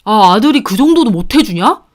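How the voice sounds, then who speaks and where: A woman's voice: medium pitch, lively intonation, natural voice. A woman voicing an irritable husband who grows defensive and snaps back. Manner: sulky, quick to snap.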